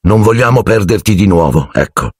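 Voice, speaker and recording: A man's voice: low-pitched, animated, moderate pace, darkish tone, husky, no echo, clean studio sound, voice pushed up. A man voicing a fussy, jovial middle-aged minister who talks to a boy in a genial, patronizing and evasive way.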